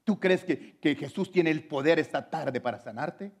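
A man preaching a sermon as pastor at a church service, moving between loud fervent appeals and hushed, quiet passages. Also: fairly high pitch, moderate pace.

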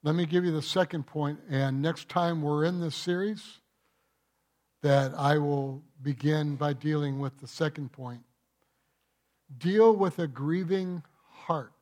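Male pastor, slightly high voice, unhurried delivery, emphatic sermon with rhetorical questions. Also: darkish tone. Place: church.

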